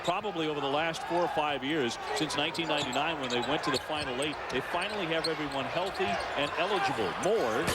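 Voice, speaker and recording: A male sports announcer delivers live basketball play-by-play in a fairly high-pitched voice. He follows the action and fills in details as a commentator does, with very loud gym noise and a bouncing ball behind him. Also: quick pace, few pauses. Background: gym crowd ambience and bouncing basketball.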